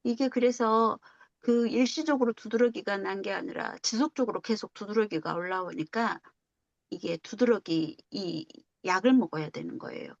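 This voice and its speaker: A woman's voice: medium pitch, normal speed, creaky, dry recording. A middle-aged woman telling a personal story at a religious gathering, acting out dialogue and laughing often. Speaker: lay member sharing a story at a meditation gathering. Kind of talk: casual storytelling testimony. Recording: dull lo-fi close recording.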